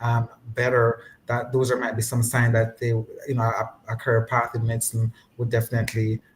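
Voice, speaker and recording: A man, a physician on a panel, speaking in a measured, hesitant way with many pauses and restarts. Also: mid-range voice, completely flat delivery, a little hiss or hum, rough recording. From Jamaica. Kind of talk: casual panel discussion.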